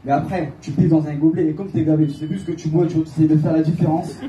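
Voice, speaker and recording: Young man, northern French accent, stand-up comic, higher voice, echoey club, distant mic, audience noise. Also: fairly even intonation, quick pace. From Calais, northern France. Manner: rambling, hesitant with frequent filler sounds. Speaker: stand-up comedian. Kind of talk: stand-up comedy set. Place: comedy club stage, heard from the audience. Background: audience laughter and room noise.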